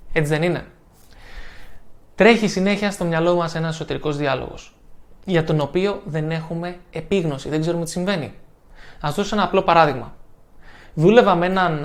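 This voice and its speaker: Energetic Greek-speaking male coach. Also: fairly high pitch. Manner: energetic, shifts tone and loudness to act out examples. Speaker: self-improvement coach. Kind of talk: motivational talk to camera.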